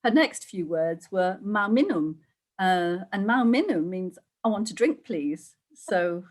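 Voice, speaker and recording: A middle-aged Welsh woman appears as a guest in a casual conversational interview, chatting easily and laughing often. Her mid-range voice is expressive and a little slow, and she acts out the voices of people she quotes.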